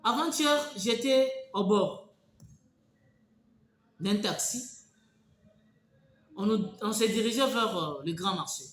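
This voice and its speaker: A man from the Congo with a Congolese French accent, giving emphatic spoken political commentary and telling stories with halting restarts. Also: high voice, lively intonation, fairly bright tone, echoey room.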